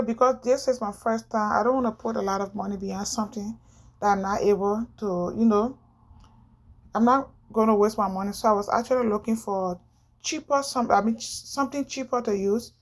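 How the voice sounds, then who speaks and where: Chatty woman vlogger. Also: on the high side. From Liberia. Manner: chatty, rambling, repeats herself. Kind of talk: casual chat to camera.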